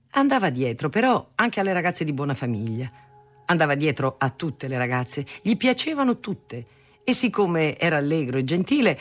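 A reader narrating a family memoir aloud in a measured storytelling manner. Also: mid-range voice. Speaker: audiobook reader. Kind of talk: reading a memoir novel aloud.

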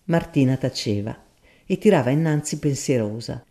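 A man narrating a story in an expressive, measured reading. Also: mid-range voice. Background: soft guitar music.

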